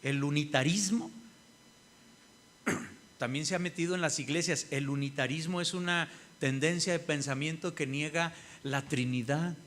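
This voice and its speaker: Pastor guy preaching, fairly high voice, keeps checking in with the crowd. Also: moderate pace, a bit bright. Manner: asks the congregation "¿sí?" often, acts out quoted people. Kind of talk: sermon.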